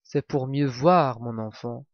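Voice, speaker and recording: A man voicing a sly, hungry male wolf in a read-aloud fairy tale, drawing out his lines slowly and low. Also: no room sound, muffled recording. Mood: menacing.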